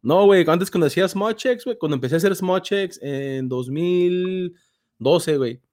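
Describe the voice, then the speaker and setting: A man's voice: high voice, normal speed, a little mellow. A man with a Chicano accent chatting casually, mixing Spanish with English slang and telling stories full of swearing. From Mexican-American, California. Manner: slangy, profane, storytelling.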